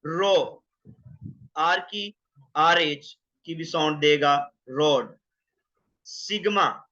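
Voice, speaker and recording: A man teaching the Greek alphabet in an online class, slowly sounding out each letter. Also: fairly high pitch, sharp tone. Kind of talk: online lecture. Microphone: video call. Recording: dull lo-fi online class audio.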